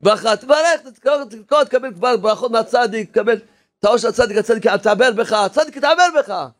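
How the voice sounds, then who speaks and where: A rabbi preaching a fervent sermon, repeating phrases and urging his listeners, sometimes shouting. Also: very high-pitched. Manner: impassioned, repetitive exhortation, sometimes shouting.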